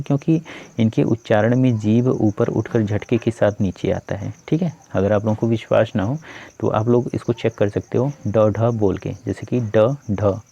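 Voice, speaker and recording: A man's voice: on the low side, dark tone. A man teaching grammar for exam preparation, explaining step by step and repeating key terms, often saying "ठीक है" and "अ". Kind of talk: exam-prep grammar lesson. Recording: dull lo-fi recording.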